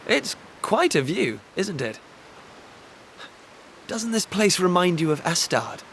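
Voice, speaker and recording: A man's voice: high-pitched, very animated, drawn-out words, long pauses, background noise, heavily acted. A man playing a blunt, impulsive young prince in a video game, speaking expressively and informally. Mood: earnest, casual. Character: young prince, impulsive, outspoken, loyal adventurer. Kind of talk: video game cutscene voice acting. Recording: game music behind.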